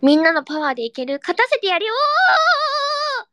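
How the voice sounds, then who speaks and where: A young woman hosting a casual live audio chat, reading listener comments in a cutesy, excitable way and breaking into squeals and giggles. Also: sits high, very fast, no room sound, studio quality. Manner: cutesy, baby-talk endings.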